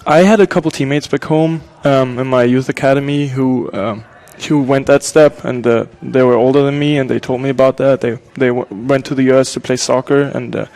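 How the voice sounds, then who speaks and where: A young man with a German accent, a college soccer player answering interview questions in a hesitant way with many pauses. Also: medium pitch, steady tone, a little mellow. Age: young adult. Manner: hesitant, many ums and restarts.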